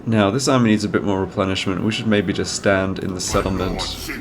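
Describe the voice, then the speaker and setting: A low-pitched, creaky male voice, fairly quick and fairly even, walks through a strategy game move by move, with a little hiss or hum behind it. The speaker is a gaming channel host who has a cold and sounds slightly nasal while thinking aloud casually.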